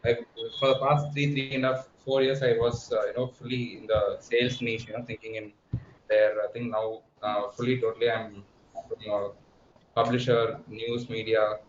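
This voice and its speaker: Male, mid-pitched, hesitant casual talker, roomy and muffled internet call. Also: flat delivery, moderate pace. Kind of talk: casual chat. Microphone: online call. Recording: echoey, muffled, choppy noisy internet call.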